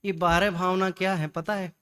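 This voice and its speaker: Animated man preaching with rhetorical questions. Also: high-pitched, normal speed, clear, resonant tone. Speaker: Jain scholar giving a discourse. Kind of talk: religious discourse.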